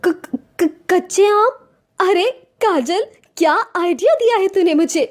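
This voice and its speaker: A woman's voice: very high voice, measured pace, pitched above the performer's own voice. A woman voicing an earnest, anxious young wife in a cartoon story. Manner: earnest, pleading.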